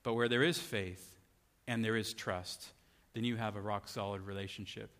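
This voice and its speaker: With a long hall reverb around him, a male preacher delivers his sermon conversationally, frequently posing rhetorical questions. He speaks at normal speed in a lowish, steady, fairly bright voice.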